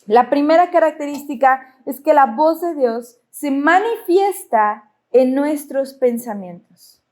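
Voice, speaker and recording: A woman pastor preaching a sermon in an expressive style, often putting questions to the congregation. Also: high-pitched, slow.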